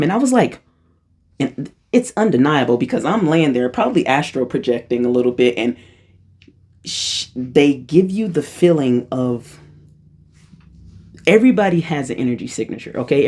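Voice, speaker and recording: 30s woman vlogging, casual slangy storytelling, keeps restarting sentences. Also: low voice. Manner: rambling, slangy, animated, many restarts. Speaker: spiritual vlogger.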